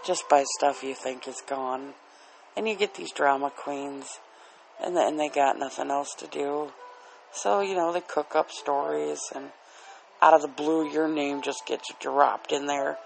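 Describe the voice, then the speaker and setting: A man with a slightly high, gravelly voice and a dry throat talks off the cuff as a solo podcast host. He is candid and self-deprecating, drifting through a casual monologue. Relaxing music plays softly behind him. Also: steady tone, measured pace, low-quality recording. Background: soft relaxing music.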